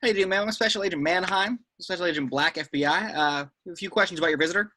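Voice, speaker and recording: A man reading the part of a dry, no-nonsense seasoned government agent at an amateur table read, clipped and deadpan. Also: high-pitched, fast talker. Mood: deadpan, official.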